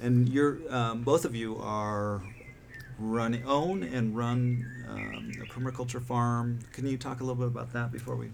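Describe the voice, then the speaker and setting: Gravelly-voiced man hosting on a deck. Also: mid-range voice, fairly even intonation, normal speed. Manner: hesitant, many fillers and restarts. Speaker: podcast host. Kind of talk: casual chat. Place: outdoor deck. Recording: background noise outdoors.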